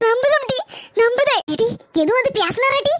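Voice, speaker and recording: A woman voicing a doting, fussing mother in a Tamil cartoon, with a Kanyakumari accent and a rapid questioning manner. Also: extremely high pitch. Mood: surprised.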